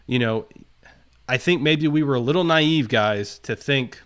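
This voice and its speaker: A man's voice: mid-range voice, a little slow, a bit bright. A man co-hosting a casual sports podcast over a video call, talking in long, reflective, rambling turns. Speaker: podcast co-host.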